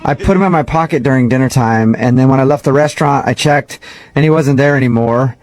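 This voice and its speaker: A man making a prank call with an earnest, matter-of-fact deadpan. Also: medium pitch, fast talker. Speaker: prank caller.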